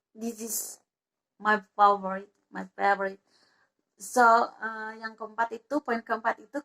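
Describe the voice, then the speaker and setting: A woman's voice: mid-range voice, a bit bright. A woman vlogger giving casual tips to her viewers, talking chattily with many hesitant fillers and restarts. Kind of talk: casual tutorial talk to camera.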